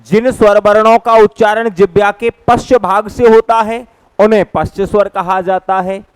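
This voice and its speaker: A man's voice: sits high, steady tone, moderate pace, clear, resonant tone, no echo. A man teaching a grammar lesson, asking rhetorical questions and answering them himself, and drawing out vowel sounds to demonstrate them. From Rajasthan, India. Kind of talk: classroom lecture.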